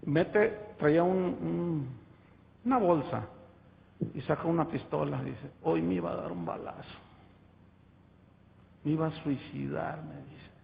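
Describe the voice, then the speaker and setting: A man's voice: fairly high pitch, a little slow, gravelly, pauses often. A man preaching as pastor, telling a story and calling his listeners "brother" over and over. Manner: storytelling, addresses listeners as "hermano". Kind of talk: sermon testimony. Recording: muffled, echoey hall.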